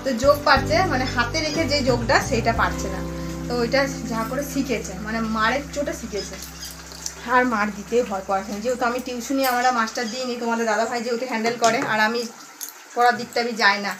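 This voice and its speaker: A woman's voice: a little high, fast talker, over music, poor audio. A woman in her thirties, chatting casually to her viewers as she records a home vlog. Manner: chatty, talks straight to viewers. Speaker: family vlogger.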